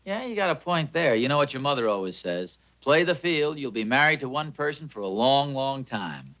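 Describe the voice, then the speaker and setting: A man's voice: on the high side, very animated, a little fast, sharp tone, full character voice. An actor playing a genial, meddling middle-aged father in a 1950s sitcom, chuckling and folksy as he offers to help. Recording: dull lo-fi 1950s TV soundtrack.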